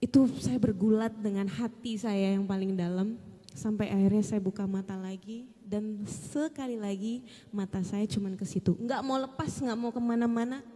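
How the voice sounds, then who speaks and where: A woman's voice: medium pitch, fairly even intonation, moderate pace, mellow. A woman earnestly telling a personal story with feeling to an audience, reflective in manner. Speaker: guest sharing a personal testimony. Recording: long hall reverb.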